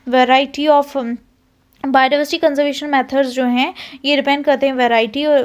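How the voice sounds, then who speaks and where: Woman tutor, high voice, exam-prep biology lecture, code-mixing, repeats terms, frequent fillers. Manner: mixes Hindi and English, fillers and self-corrections; repeats terms while explaining. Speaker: teacher.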